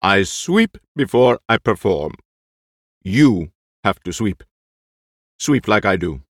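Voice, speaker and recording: A man's voice: fairly low pitch, sing-song, slow, no room sound, clean studio sound, exaggerated voice. A man performing a nervous, vain, aging Spanish stage actor who talks in theatrical, frantic outbursts. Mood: boastful.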